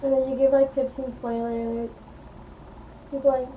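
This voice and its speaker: A woman's voice: high-pitched, little pitch movement, normal speed, slight background noise. A woman friend off camera, asking short questions and reacting to the story. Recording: thin, phone-like sound.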